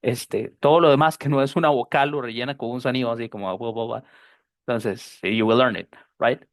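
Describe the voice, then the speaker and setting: An English teacher, giving a pronunciation lesson and explaining by repeating model words slowly. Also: mid-range voice, no echo.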